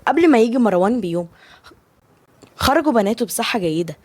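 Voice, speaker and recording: A woman with an Egyptian Arabic accent narrating a romance story in a brisk, plain reading. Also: fairly high pitch, animated, no echo.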